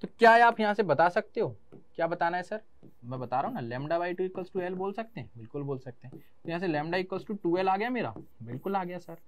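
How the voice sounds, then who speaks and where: A man's voice: high voice, expressive, fairly quick, highs cut off. A young Indian man teaching physics in an online class. He mixes Hindi and English terms and answers his own questions in a student's voice.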